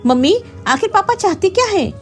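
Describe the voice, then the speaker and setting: Woman doing a proud young wife, indignant and sharp, high lively voice, faint music under it. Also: moderate pace. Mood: angry.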